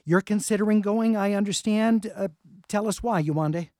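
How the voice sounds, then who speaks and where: A man in his sixties hosting a call-in radio talk show in a chatty, relaxed way, with easy laughs. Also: sits high, normal speed, no room sound, studio quality. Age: 60s. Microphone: studio microphone, dry sound.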